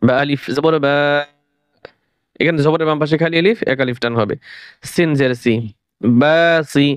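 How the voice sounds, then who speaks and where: A man teaching Quran reading, spelling out each syllable and then drawing the whole word out slowly. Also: fairly high pitch, clean tone, dry recording, clean studio sound. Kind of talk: recorded recitation lesson.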